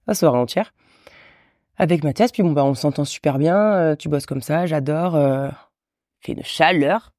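A woman in her thirties, a wedding officiant, telling her story as a guest in a casual podcast chat, lively and full of restarts. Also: low-pitched, normal speed, no room sound, clean studio sound.

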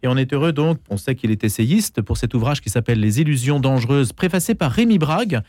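A man hosting a radio interview, introducing his guest and firing off topics in a brisk, emphatic way. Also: medium pitch, animated, darkish tone, dry recording, studio quality. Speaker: radio show host.

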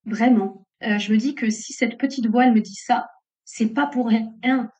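A woman's voice: fairly high pitch, fairly even intonation, normal speed, a little mellow. A middle-aged woman entrepreneur speaking reflectively and earnestly as an interview guest. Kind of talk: casual interview conversation. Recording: muffled lo-fi audio.

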